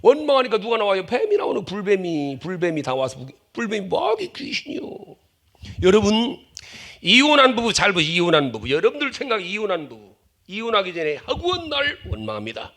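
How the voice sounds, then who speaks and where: A male pastor preaching with a high, gravelly voice that swings widely in pitch. He acts out angry quarrels in loud bursts and then falls to near-whispers. He speaks as a middle-aged preacher in a church sanctuary. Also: a little fast. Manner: animated preaching, acting out quarrels with shouted bursts and dropping to whispers. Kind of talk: sermon.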